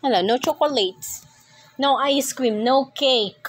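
A woman's voice: high-pitched, measured pace, slightly rough. A woman with a Filipino accent films a toddler at home and coaches him in a sing-song voice, repeating each prompt over and over. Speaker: caregiver filming a toddler.

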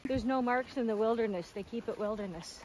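A middle-aged woman with a high voice chats easily while hiking. She explains what she notices and wonders aloud, with a faint hiss of noise outdoors. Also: a little fast, a little mellow, poor audio. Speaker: hiking companion. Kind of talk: casual hiking chat. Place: outdoors in a forest by a lake.

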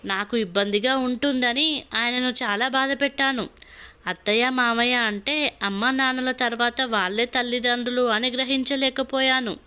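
A woman storyteller voicing a gentle young wife who speaks in a soft, pleading, sorrowful way, in a storybook reading. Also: fairly high pitch, steady tone, normal speed, clear, resonant tone. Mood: remorseful.

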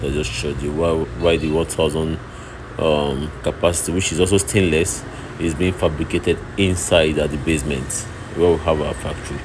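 A man's voice: extremely low pitch, steady tone, moderate pace. A man walks through his oven workshop, explaining each step and repeating himself as he films on his phone. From Nigeria. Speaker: oven fabricator showing his work. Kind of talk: walkthrough narration while filming. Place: workshop and outdoor street site. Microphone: phone held while filming. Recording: phone video with loud background noise.

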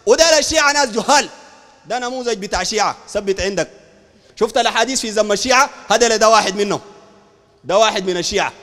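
A male preacher with a Sudanese Arabic accent, debating combatively, firing rhetorical questions and shouting at times. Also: high voice, racing. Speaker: Islamic preacher. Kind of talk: heated public debate. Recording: long hall reverb.

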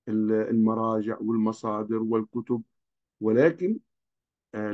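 A man's voice: mid-range voice, muffled recording. Earnest man giving a lecture. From Libya. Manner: earnest, cautionary, pleads with students. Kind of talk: recorded course lecture.

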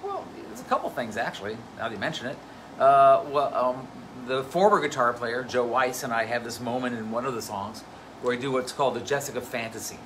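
A man at a middle pitch, chatting loosely about his band between fillers and restarts. He speaks as a bassist and musical director in a relaxed live Q&A. Air-conditioning hum sits clearly behind him. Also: brisk, poor audio. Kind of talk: casual live Q&A talk.

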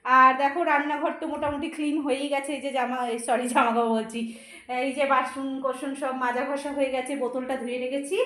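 A woman's voice: high-pitched, fairly even intonation, fast, reverberant, poor audio. A woman chatting casually to her viewers as she walks around her home and does chores. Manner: chatty, addresses viewers as friends; talks softly at times, walking around the home. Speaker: vlogger, homemaker. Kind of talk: casual vlog chat to viewers. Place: home, indoors.

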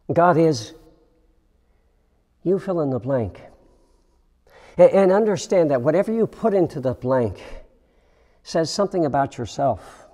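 A man preaching a sermon as pastor, slow and reflective, with dramatic pauses and hushed emphasis. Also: mid-range voice. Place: church sanctuary. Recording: long reverb of a church hall.

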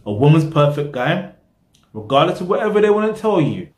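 A young man hosts a reaction video, talking casually to camera from a small room with a roomy echo. His voice is on the high side and a little fast with big pitch swings, and he rambles and loses his train of thought.

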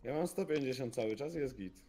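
A man in casual gaming voice chat, swearing and firing off rapid tactical callouts to his teammates. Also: medium pitch, lively intonation, over music. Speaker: game teammate.

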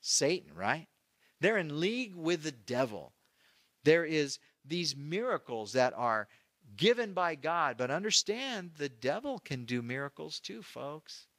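A man's voice: a little high, sing-song, unhurried, a bit bright, dry recording. A middle-aged male pastor teaching through a Bible passage verse by verse, in a conversational way that acts out the people he quotes. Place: church.

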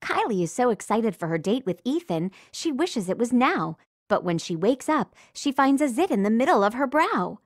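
A woman's voice: fairly high pitch, very animated, moderate pace, hardly any pauses, no echo, clean studio sound. A woman voicing a perky, encouraging narrator for a children's makeover game, in an exclamatory, sing-song way. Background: music.

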